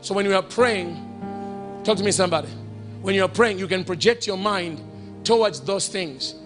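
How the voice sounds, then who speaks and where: A man's voice: high voice, moderate pace, over music. A male preacher telling a story in a sermon and leading prayer, emphatic, repeating phrases and calling out to the congregation. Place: church or conference hall in Ghana.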